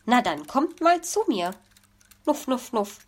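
Brief: soft, gentle hedgehog mum for a storybook, read by a woman, slow and calm. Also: a little high, heavily acted. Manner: soft, gentle, sniffs "nuff nuff". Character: kind, calm hedgehog mother. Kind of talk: storybook reading.

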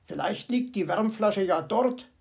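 Storybook fox gentleman, chatty and self-talking, gravelly edge; woman reader puts him on. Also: mid-range voice, a little slow. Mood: delighted. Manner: chatty, talks to himself, comic grumbling. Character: cheerful fussy male fox, Herr Fuchs. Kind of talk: storybook character voice.

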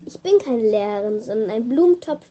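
A woman's voice: a little high, animated, a little fast, warm tone, lo-fi sound, a little hiss or hum, close to an everyday voice. A woman voicing a witty teenage schoolgirl with dry, wisecracking humor in a storybook reading.

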